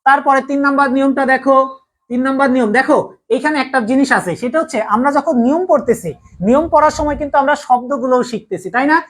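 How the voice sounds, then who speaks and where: Speaking fast in a very high-pitched, somewhat bright voice with fairly even intonation, a young Bangladeshi man with a Bengali accent runs an online grammar class. He drills every point repeatedly, constantly checking that all is clear.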